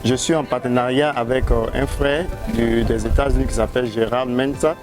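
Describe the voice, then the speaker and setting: A man's voice: medium pitch, steady tone, normal speed. Hesitant man in a street interview. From Côte d'Ivoire. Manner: hesitant, many restarts. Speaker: interview guest, entrepreneur. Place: outdoors. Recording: music bed underneath.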